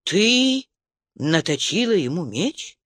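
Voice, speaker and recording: A man's voice: high voice, big pitch swings, takes it slowly, a bit bright, dry recording, full character voice. A man reading an audiobook voices an angry, protective young knight scolding his sister in a harsh, accusing tone. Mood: furious.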